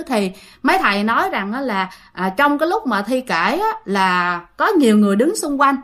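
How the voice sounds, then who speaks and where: Female host, higher voice, chatty ghost-story teller who talks straight to listeners. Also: fairly bright tone. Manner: chatty, addresses listeners directly, many fillers. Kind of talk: casual storytelling.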